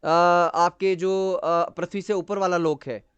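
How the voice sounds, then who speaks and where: A man's voice: high-pitched, fairly even intonation, slow pace, clear, resonant tone, no echo, muffled recording. A man teaching an astrology class over a video call, explaining patiently, mixing in English terms and checking that students follow. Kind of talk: online class lecture.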